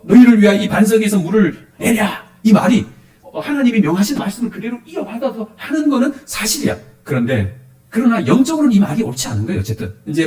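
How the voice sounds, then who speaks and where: A male pastor preaching a sermon, questioning his congregation in a lively, animated way. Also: high-pitched, roomy sound.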